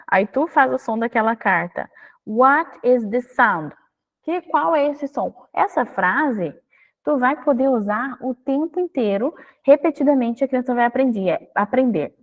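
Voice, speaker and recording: A woman, explaining classroom games to parents in a chatty way, often checking in with quick tag questions. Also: on the high side, narrow, tinny audio. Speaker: English teacher for parents. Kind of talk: casual instructional talk.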